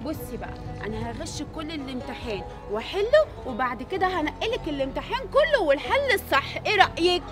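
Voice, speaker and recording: Woman voicing a sly conspiratorial schoolgirl, Egyptian accent, high squeaky voice, music behind. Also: very animated, fast, few pauses. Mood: scheming. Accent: Egyptian Arabic. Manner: coaxing, conspiratorial. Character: sly scheming schoolgirl friend, girl. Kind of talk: comic sketch acting.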